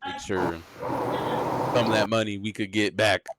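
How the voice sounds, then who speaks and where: A young man co-hosting a podcast, reacting quickly in casual slang-heavy sports chat. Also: on the low side, very noisy. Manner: animated, quick reactions, says "bro" a lot. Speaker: podcast co-host.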